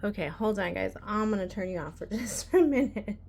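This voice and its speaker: A woman's voice: medium pitch, expressive, brisk, gravelly, darkish tone, slight background noise. A woman hosting a casual embroidery tutorial, chatty and rambling with frequent ums.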